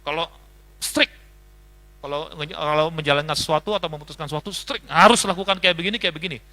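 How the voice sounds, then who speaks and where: Male pastor, seminar teacher, high bright voice, lively, addresses the audience. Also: brisk. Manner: lively, lists traits, often asks the audience.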